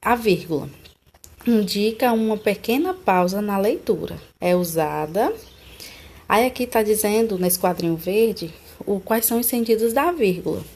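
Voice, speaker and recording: A woman from Brazil teaching a recorded online class, explaining slowly, repeating examples and checking with tag questions. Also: mid-range voice, darkish tone.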